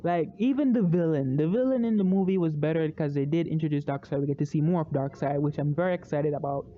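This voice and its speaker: Excitable movie ranter, slightly dull recording. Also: mid-range voice, quick pace. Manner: animated, swings into loud excited outbursts; repeats and restarts words when worked up. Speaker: movie review vlogger. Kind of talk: casual opinionated rant.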